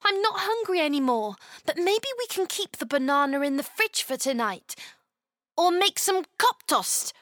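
A woman's voice: sits high, very animated, moderate pace, fairly bright tone, dry recording, studio quality, pitched above the performer's own voice. A woman voicing a curious, eager little girl asking wondering questions.

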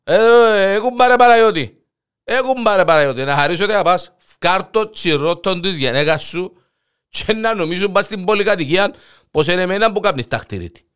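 A man's voice: sits high, very animated, a bit bright, voice pushed up, exaggerated voice. Man doing a whiny sleepless neighbor. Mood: exasperated. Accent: Cypriot Greek. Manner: whiny, pleading, groans and sighs. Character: fed-up middle-aged male neighbor, sleepless and pleading.

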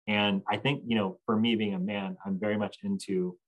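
A man, an entrepreneur guest on a podcast, talking reflectively and becoming animated when he tells anecdotes. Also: fairly low pitch, a little fast, dull audio. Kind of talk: podcast interview.

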